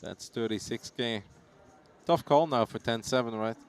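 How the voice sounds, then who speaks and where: A man's voice: mid-range voice, normal speed, clear, resonant tone. A man commentating on live poker in a casual, chatty, jokey and teasing way.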